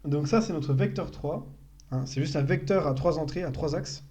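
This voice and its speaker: A man's voice: a little high, moderate pace, mellow. A young man giving a casual live-stream coding tutorial, thinking aloud and correcting himself as he explains. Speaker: programming tutor.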